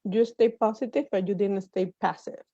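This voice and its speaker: A woman speaks in a halting, affirming way in a panel discussion. Her voice is mellow and mid-pitched. The sound is dry and a bit dull, like lo-fi call audio. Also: fairly even intonation, slightly rough, dry recording. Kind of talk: panel discussion on community issues.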